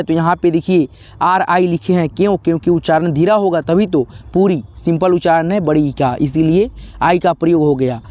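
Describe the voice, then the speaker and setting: High-voiced man teaching spelling step by step. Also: a little mellow, no echo. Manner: patient, repeats letters, addresses viewers as friends. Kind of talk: spelling lesson for beginners.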